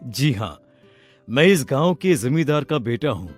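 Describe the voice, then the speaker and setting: A man voicing a polite, smitten young landlord's son with a gentle manner in a dramatized story. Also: medium pitch, very animated, a little slow, faint music behind. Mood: courteous. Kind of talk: dramatized Hindi story acting.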